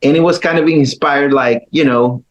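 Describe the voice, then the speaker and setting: In a relaxed interview, a guitarist from Chile, middle-aged, recounts his story with pauses and false starts. He speaks on the high side, and the recording is of low quality.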